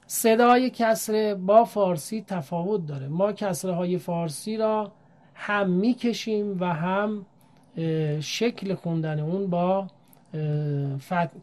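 Woman teacher, native Persian speaker, slow careful lesson, patient letter-by-letter drills. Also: on the low side, darkish tone. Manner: slow, careful, polite teaching with drawn-out repetition of letter sounds. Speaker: Arabic reading teacher. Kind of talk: recorded lesson.

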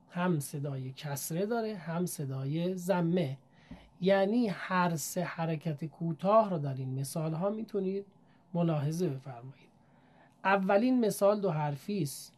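A woman's voice: fairly low pitch, a little mellow. A woman giving a formal, polite lesson, patiently sounding out syllables one by one as a Quran teacher.

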